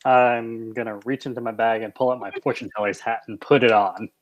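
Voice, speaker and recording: Casual male tabletop player, medium pitch. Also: steady tone, a little fast, no room sound, lo-fi sound. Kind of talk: casual in-game chat.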